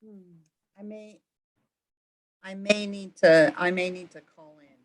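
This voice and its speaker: A woman's voice: medium pitch, fairly even intonation, takes it slowly. A woman on a remote committee meeting, talking hesitantly and restarting her phrases while her audio keeps cutting in and out. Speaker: committee member. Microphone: computer or camera mic on a video call.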